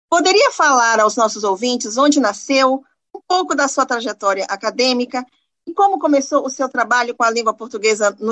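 A woman's voice: fairly high pitch, a bit bright. A woman hosting a radio program who introduces guests and asks questions in a friendly, formal way. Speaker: radio host.

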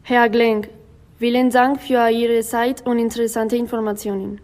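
A woman radio interviewer signing off politely and briskly. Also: fairly high pitch, level tone, darkish tone.

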